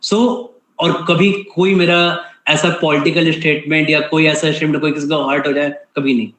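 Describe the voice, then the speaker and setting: A stern man with an Indian English accent lectures his online class, switching back and forth between Hindi and English and tagging almost every sentence with a check for agreement. His voice sits a little high for a man. The sound is roomy and echoey, as if he were recorded in a bare room on a computer mic. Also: level tone, moderate pace, fairly bright tone. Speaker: online teacher.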